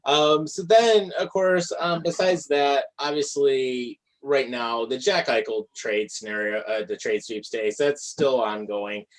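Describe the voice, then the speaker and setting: A man hosts a live sports podcast in an easygoing voice of ordinary pitch. He fills his talk with ums and uhs. He reads numbers off in a steady run. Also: measured pace, few pauses, poor audio. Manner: relaxed, filler-heavy, reads stats in a steady run. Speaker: podcast host.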